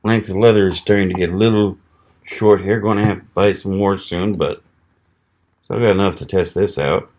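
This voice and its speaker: A man from the American South, reviewing a knife on camera in a relaxed, folksy way, thinking aloud while he cuts. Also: deep voice, moderate pace. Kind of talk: casual product test vlog.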